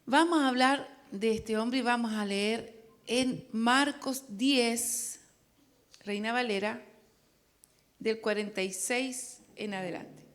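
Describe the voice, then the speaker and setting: A woman preaching a sermon, chatty and joking with the congregation. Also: on the high side.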